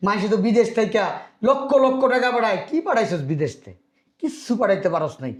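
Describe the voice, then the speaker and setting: In a Bangladeshi short drama skit, a man acts as a scolding, abusive father-in-law. His voice is high-pitched and very animated, he talks fast, and the room sounds echoey.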